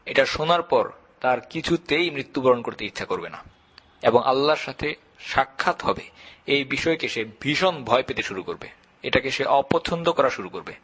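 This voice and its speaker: A man giving an earnest, measured religious lecture, stressing his points through repetition. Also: medium pitch, expressive, fairly bright tone, husky. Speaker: Islamic lecturer.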